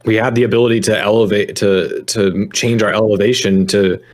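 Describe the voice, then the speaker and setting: A man playing a tabletop game who argues his case, often restarting his sentences. His voice is on the low side. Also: steady tone, fairly quick. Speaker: player. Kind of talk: casual game chat.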